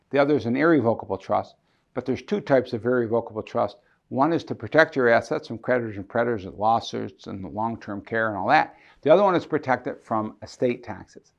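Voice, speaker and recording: Gravelly man explaining law, lo-fi sound. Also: medium pitch. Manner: asks and answers his own questions, frequent "right?". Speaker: estate planning attorney. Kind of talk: explanatory talk to camera.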